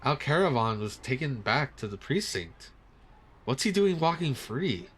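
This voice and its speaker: A man's voice: medium pitch, big pitch swings, a little slow, fairly bright tone, slightly rough, heavily acted. A man reading the lines of an earnest, hot-headed young detective, urgent and questioning.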